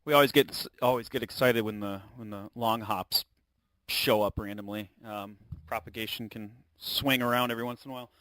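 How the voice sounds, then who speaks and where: A man hosting an amateur radio check-in net as net control, speaking in an informal, halting way. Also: on the low side, fairly even intonation, fairly bright tone, no room sound, rough recording.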